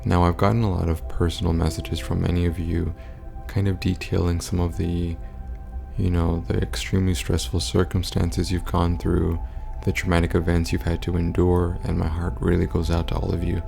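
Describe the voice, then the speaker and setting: A man speaks in a hushed, quiet late-night voice, as if others are asleep nearby. His tone is dark and mellow, with heavy creak and a flat, stoic delivery. It is a casual vlog update to viewers. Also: moderate pace, soft background music. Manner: hushed, low talking, as in a quiet house at night. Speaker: content creator.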